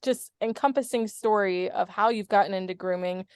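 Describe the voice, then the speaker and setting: A woman's voice: mid-range voice, normal speed, a little mellow, clean tone, no echo, clean studio sound. A woman hosting a podcast, chatting casually and leading into the next segment. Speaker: podcast host.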